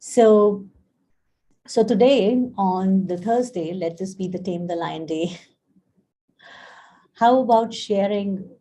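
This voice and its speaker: A woman's voice: medium pitch, takes it slowly, pauses often, warm tone. A woman life coach talking casually on a live stream, telling stories and acting out the dialogue. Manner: chatty storyteller, acts out quoted dialogue; frequent fillers and restarts, friendly address to viewers.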